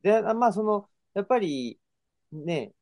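Man with a mellow voice, dry close sound, hesitant and agreeable. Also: high voice, sing-song, measured pace, dry recording. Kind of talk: reflective discussion.

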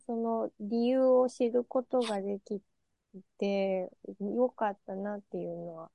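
A soft-spoken woman taking part in a reflective discussion, agreeing and sharing her thoughts. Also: mid-range voice, vocal fry, no room sound. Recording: dull lo-fi dry sound.

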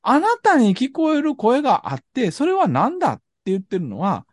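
Kansai man, lively rising-and-falling pitch, dry close sound, ponders as he talks. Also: moderate pace, no room sound. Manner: thoughtful, searching for words. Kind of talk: reflective discussion.

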